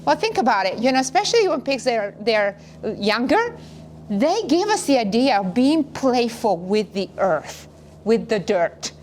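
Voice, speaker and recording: A woman's voice: on the high side, sing-song, measured pace, a little mellow, slight background noise. A middle-aged woman from northern Italy, talking earnestly in long flowing phrases as a wellness co-host. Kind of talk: casual conversation.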